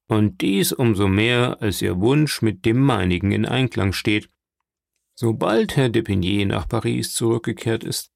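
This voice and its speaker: A man voicing a proper, anxious gentleman who speaks in a formal, placating way in an audiobook. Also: fairly low pitch, unhurried, gravelly, dry recording, clean studio sound. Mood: soothing.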